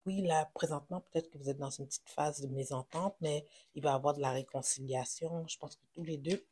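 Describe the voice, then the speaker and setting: A tarot reader with a Québécois French accent gives a casual, reassuring reading to viewers. The speech is halting, with many fillers and self-corrections. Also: mid-range voice, steady tone, mellow, breathy edge.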